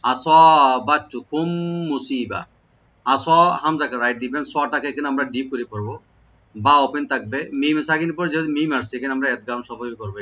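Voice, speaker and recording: Bright-voiced man teaching Quran recitation. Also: mid-range voice, muffled recording. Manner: breaks off to spell out letter sounds, repeats words slowly and drawn out. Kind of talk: tajweed lesson, explaining then reciting verses slowly.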